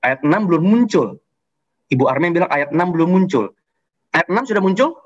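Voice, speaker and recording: A man preaching an online youth sermon in a lively, conversational way, repeating his key points. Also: high voice, brisk, dull audio. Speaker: youth pastor.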